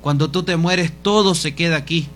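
A man preaching a sermon in a fervent, pleading way, his voice dropping soft each time he addresses the congregation. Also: a little high, normal speed, a little hiss or hum.

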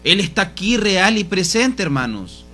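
A man's voice: sits high, sing-song, moderate pace, bright, forceful tone. Fervent man preaching over faint guitar. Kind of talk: sermon.

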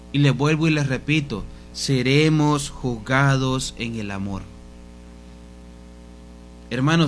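A man preaching a sermon in a fervent, pleading way, his voice dropping soft each time he addresses the congregation. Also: medium pitch.

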